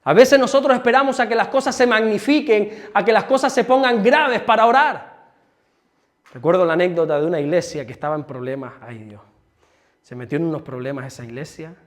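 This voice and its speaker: A pastor with a high-pitched male voice preaches to his congregation. He tells anecdotes with lively energy and acts out the voices of the people in them. Sometimes he drops to a quiet aside, then rises again to a fervent pitch. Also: brisk. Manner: animated storytelling preacher, acts out quoted speech. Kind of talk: sermon. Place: church service.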